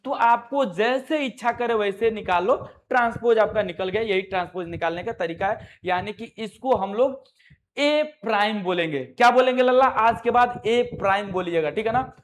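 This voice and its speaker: Guy teaching maths in style, keeps asking the class questions, fairly high voice. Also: normal speed, slight background noise. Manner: coaxing, repeats questions back to students.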